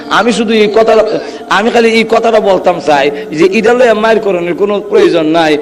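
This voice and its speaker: A man preaching a Bengali waz sermon in a sing-song way, speaking with a tinge and urging the crowd to answer louder. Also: high voice. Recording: long hall reverb.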